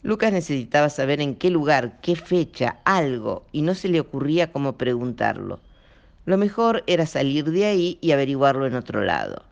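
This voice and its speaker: A man narrates a story in an expressive voice. His pitch moves freely and a gravelly grain runs through his voice. The reading sounds like an audiobook. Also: normal speed, dull audio.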